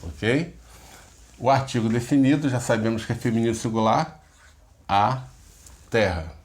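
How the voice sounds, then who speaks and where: A man's voice: medium pitch, measured pace. A middle-aged man, a pastor, giving a recorded Hebrew grammar lesson, explaining each step patiently and often checking in with short questions. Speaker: pastor teaching biblical Hebrew.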